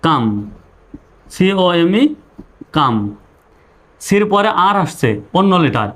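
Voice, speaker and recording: A man's voice: a little high, animated, slow pace, a bit bright. A male teacher giving a spoken lesson, patiently spelling words letter by letter and asking his listeners questions before answering them. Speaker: English teacher.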